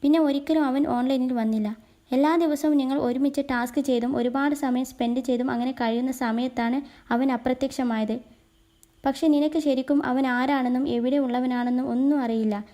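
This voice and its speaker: A woman's voice: high voice, fairly even intonation, normal speed, dark tone. A woman with a Malayali accent casually retelling a drama's story, quoting its characters in her own voice. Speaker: narrator explaining a drama.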